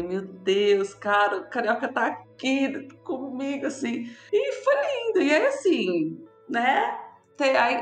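A young woman from São Paulo with a São Paulo accent tells a personal story in an animated, emotional way, trailing off with fillers. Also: medium pitch. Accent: São Paulo Portuguese. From São Paulo, Brazil. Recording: roomy echo, faint background music.

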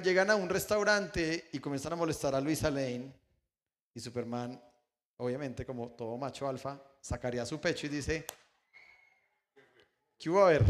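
A man preaching a sermon as pastor, retelling stories and acting out the dialogue in lively voices. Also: mid-range voice. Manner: animated storytelling with acted-out dialogue.

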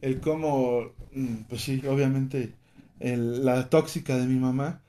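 A man's voice: medium pitch, fairly even intonation, slow, mellow. A man with a Mexican accent hosting a casual chat, prompting with questions and dropping joking quips. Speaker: host.

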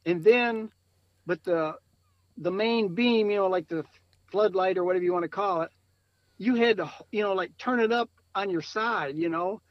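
A man's voice: sits high, moderate pace, no echo, muffled recording. A man from Michigan talking casually about hunting gear, rambling and repeating words, laughing often. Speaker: podcast guest, coon hunter. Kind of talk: casual chat.

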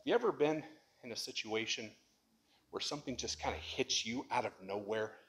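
Preaching at a normal speed, this man has a medium-pitched, slightly rough voice. He's a pastor giving a sermon conversationally, though scripture readings and pleas swell into loud, passionate delivery.

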